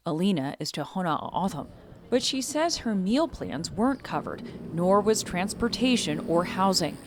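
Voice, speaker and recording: A woman's voice: lowish voice, very animated, moderate pace, background noise. A woman reporter reading scripted narration for an investigative news exposé.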